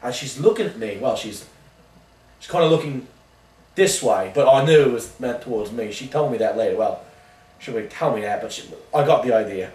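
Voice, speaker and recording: A man playing an oblivious washed-up rock singer in a mock interview, rambling deadpan through absurd tangents. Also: mid-range voice, fairly quick, close to an everyday voice. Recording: roomy sound from a distant mic.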